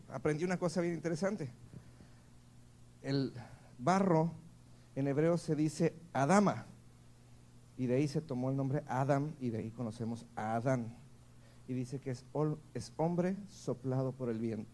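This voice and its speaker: Playful Mexican preacher with a mellow voice. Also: male voice, medium pitch, a little slow, long pauses, a little hiss or hum. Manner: conversational, keeps checking in with the congregation; playful, laughs between points. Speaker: pastor. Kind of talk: sermon. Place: church service.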